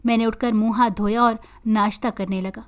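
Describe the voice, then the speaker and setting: A woman storyteller reading a moral story in an earnest, steady way. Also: on the high side, fairly quick, clean tone. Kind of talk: scripted story narration.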